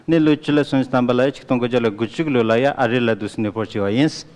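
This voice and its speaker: A man's voice: medium pitch, a little mellow. Man interpreting a lecture in a hall. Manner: brisk, with frequent affirming "aha". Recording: smooth voice in a long-reverb hall.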